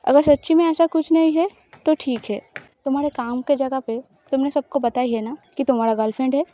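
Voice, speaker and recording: A playful, possessive young woman who coaxes and teases her girlfriend, as a woman reads her part. The voice is high and mellow, in an easy, coaxing audio love story delivery. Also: steady tone, fairly quick, no room sound, lightly acted.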